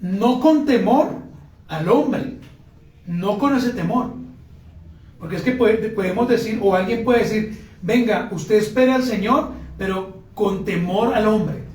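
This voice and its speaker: A man's voice: sits high, a little slow, a little mellow. A man preaching a sermon as pastor, earnestly calling to his congregation and often breaking into spoken prayers. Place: church sanctuary. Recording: echoey church from a distance.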